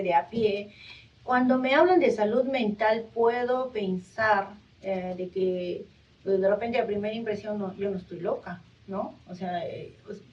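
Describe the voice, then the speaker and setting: A woman's voice: mid-range voice, darkish tone. Hesitant woman radio host, distant and dull. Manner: hesitant, many drawn-out fillers. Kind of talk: live radio interview. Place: radio studio.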